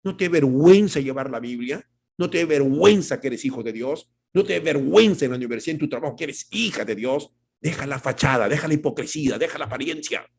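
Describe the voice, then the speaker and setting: A man's voice: medium pitch, lively intonation, fast, vocal fry, a little mellow, breathy edge. A man preaching a sermon as pastor, talking emphatically and directly to the congregation with many rhetorical questions.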